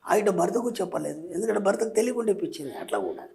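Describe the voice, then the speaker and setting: A middle-aged man, a spiritual teacher, giving advice as a guest and telling lively stories that act out what people say. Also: high-pitched, very fast, gravelly. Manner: lively storytelling, acting out quoted speech. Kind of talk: explanatory advice talk.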